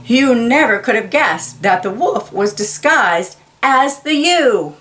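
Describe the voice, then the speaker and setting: A woman's voice: fairly high pitch, lively intonation, fairly bright tone. A woman reading a children's picture book aloud, carefully stressing key words and explaining them simply. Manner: slow, deliberate, enunciates key words for young listeners.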